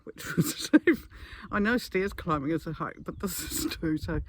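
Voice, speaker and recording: A New Zealand travel vlogger walks along a beach, chatting casually to camera and musing aloud in short phrases. His voice is on the high side, unhurried and fairly bright. Outdoor noise and faint clicks are audible.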